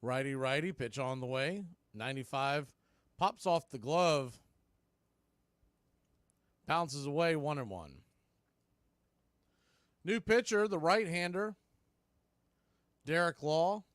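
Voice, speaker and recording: A baseball play-by-play announcer and show host calls a live radio game pitch by pitch, in clipped phrases with short asides between pitches. His voice is a little high for a man and a bit bright, recorded dry and close. He speaks slowly, with long pauses.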